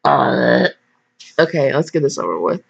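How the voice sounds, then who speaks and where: Through a dull lo-fi microphone, a woman with a creaky bass voice reads fan fiction in an unhurried, sing-song manner. She stumbles often and breaks off for jokey, chatty asides.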